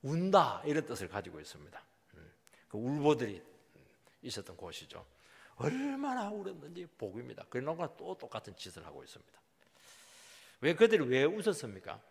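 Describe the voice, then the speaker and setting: Gravelly Korean pastor preaching in a reverberant hall. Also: male voice, wildly swooping pitch, brisk. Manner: emphatic preaching, voice swinging from loud highs to quiet drops. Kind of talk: sermon. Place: church sanctuary.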